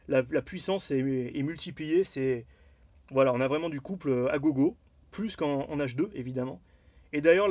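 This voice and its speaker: A man's voice: on the high side, a little mellow. Chatty man showing off his old four-by-four. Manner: chatty, loose, full of fillers and restarts. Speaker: car owner presenting his vehicle. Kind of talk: casual walkaround presentation.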